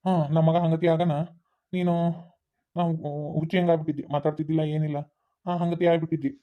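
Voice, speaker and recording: A man playing a sad village father in a cartoon, with a North Karnataka accent, speaking slowly. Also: a little high, natural voice. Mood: sorrowful. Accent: North Karnataka Kannada. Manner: slow, flat and sorrowful. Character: middle-aged village father, sad and confessing. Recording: tinny phone-like sound.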